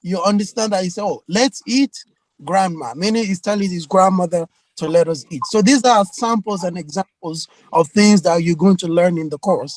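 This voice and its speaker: A male English teacher talks slowly and patiently, walking through examples one by one. His voice sits notably high for a man. The audio is dry and close. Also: a little mellow, no echo, rough recording. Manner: slow, explanatory, gives examples, polite. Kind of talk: course orientation talk.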